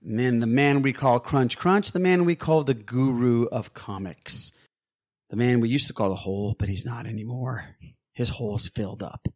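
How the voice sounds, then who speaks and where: A man's voice: mid-range voice, moderate pace, darkish tone, no room sound, clean studio sound. A man hosting a podcast in casual, jokey chat, informally repeating phrases for emphasis. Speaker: podcast host.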